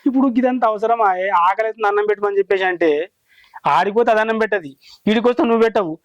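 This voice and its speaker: A man's voice: high-pitched, rapid-fire, no room sound, lo-fi sound, close to an everyday voice. A man, playing a hungry, henpecked village husband complaining to his wives. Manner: whining, complaining.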